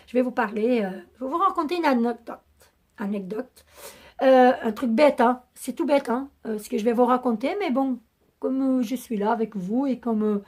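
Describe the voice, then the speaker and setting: A woman vlogger with a raspy voice that is going hoarse, chatting to camera in a rambling way with many hesitations. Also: on the high side, darkish tone. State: losing her voice. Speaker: beauty vlogger. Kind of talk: casual chat to camera.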